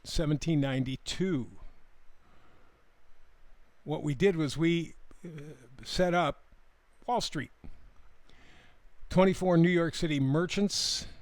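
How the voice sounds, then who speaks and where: Host type: emphatic solo commentator, slightly high male voice, dry close sound. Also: no room sound. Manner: animated and emphatic, with mocking asides. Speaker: astrology commentator and show host.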